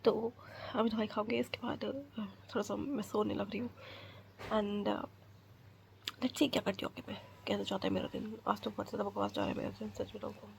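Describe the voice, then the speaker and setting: A young woman, sick with a blocked nose, chatting casually in a home vlog and scolding loudly at times. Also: medium pitch, animated, brisk, vocal fry, slight background noise. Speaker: vlogger. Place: at home, indoors.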